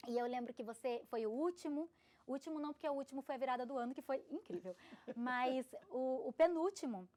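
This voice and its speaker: A woman in her thirties, a podcast guest, telling an emotional personal story in an animated, expressive way. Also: high-pitched, fairly quick. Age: 30s. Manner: animated, expressive, laughs often.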